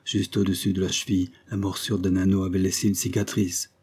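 A man reading a novel aloud at a measured, even pace. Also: low-pitched, husky. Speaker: audiobook narrator. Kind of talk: scripted narration.

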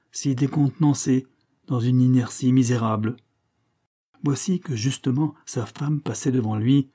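A man narrating a story aloud in a measured, dramatic way. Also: mid-range voice, mellow, husky. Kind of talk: audiobook narration.

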